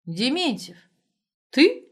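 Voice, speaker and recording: A quiet, wistful middle-aged woman, speaking softly, as a female reader gives her voice. She comes from a read-aloud story. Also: high-pitched, huge pitch swings, drawn-out words, pitched above the performer's own voice, exaggerated voice. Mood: stunned quiet.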